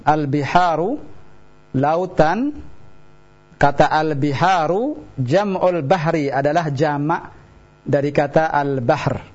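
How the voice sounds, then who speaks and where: A man teaching Arabic on a radio lesson, slowly modelling pronunciation and explaining in a measured way. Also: a little high, expressive. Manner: slow, deliberate model pronunciation. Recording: dull lo-fi radio broadcast.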